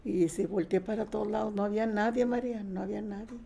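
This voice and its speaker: An older woman recounts her own testimony in a relaxed, conversational way. Her voice is mellow and gravelly, and she slips into the quoted words of others as she tells it. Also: medium pitch, fast. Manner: plain conversational retelling with quoted dialogue. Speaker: guest sharing testimony. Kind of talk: personal testimony.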